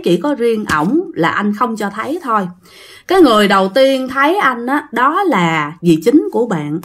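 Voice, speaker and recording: In a little high, slightly bright voice, a Southern Vietnamese-accented woman chats through a ghost story. She addresses her listeners directly as she goes.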